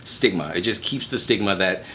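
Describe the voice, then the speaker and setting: A man speaking as a guest in a casual interview, playful and animated, jumping into high exclamations. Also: moderate pace, slight background noise. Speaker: guest from an HIV advocacy group.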